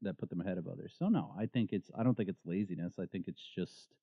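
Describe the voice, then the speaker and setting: A man's voice: sits low, no echo, muffled recording. A man co-hosting a gaming podcast in casual chat, joking and cursing freely. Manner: fast, joking and profane. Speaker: podcast co-host.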